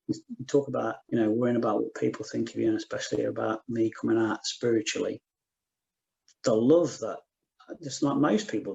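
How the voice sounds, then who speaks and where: A middle-aged man giving a gentle personal testimony at a spiritual meeting, circling back and repeating himself as he speaks. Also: medium pitch, gravelly, rough recording. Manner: soft-spoken, many restarts and repeated "just". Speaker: guest speaker.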